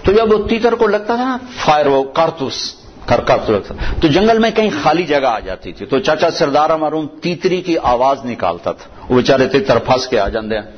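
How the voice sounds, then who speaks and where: A man's voice: a little high, very animated, muffled recording. A middle-aged man giving a sermon, reciting verses and telling stories from his village youth to explain their words. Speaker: preacher. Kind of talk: Urdu sermon with Quranic recitation.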